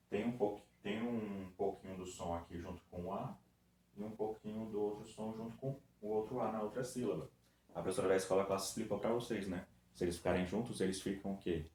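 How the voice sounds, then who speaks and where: A man with a somewhat low, slightly mellow voice and a Brazilian Portuguese accent patiently demonstrates words syllable by syllable in a recorded review lesson for children. The recording has an echoey room and faint background noise.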